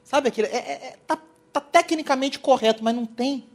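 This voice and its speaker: Young man from Brazil, church worship lecture, bright high voice, acts out anecdotes. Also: a little fast. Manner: animated, storytelling, acts out quotes. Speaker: worship teacher. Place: church hall.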